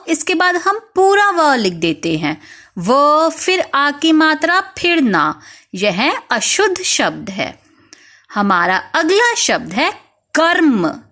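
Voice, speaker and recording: Slow, lively woman teaching children spelling. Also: sits high. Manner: slow, spells words letter by letter, asks questions.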